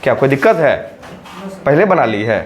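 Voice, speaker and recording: A man's voice: medium pitch, sing-song, normal speed, slight background noise. A male maths teacher, teaching a class in a classroom and coaxing students by checking again and again whether they follow. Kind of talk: classroom lesson at a whiteboard. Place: classroom, recorded in summer heat.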